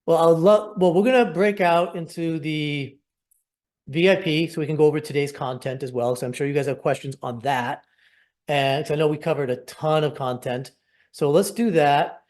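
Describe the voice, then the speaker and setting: A man's voice: on the high side, normal speed, a little mellow. A man hosting a casual sales webinar over a video call, talking in an upbeat, persuasive and rambling way. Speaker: program host.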